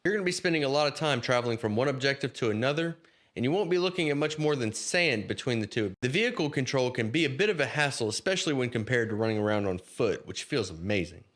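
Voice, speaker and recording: A man's voice: medium pitch, animated, fast talker, fairly bright tone. A man reading a scripted game review, casually addressing viewers directly.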